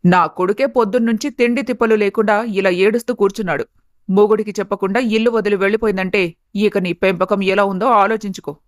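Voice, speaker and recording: A woman's voice: medium pitch, fairly even intonation, a little fast, no room sound, studio quality, natural voice. Vanajakshi, a woman voicing a scornful, taunting mother-in-law. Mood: scolding. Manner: sharp, taunting and sarcastic. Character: harsh scornful middle-aged mother-in-law. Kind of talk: storybook character voice.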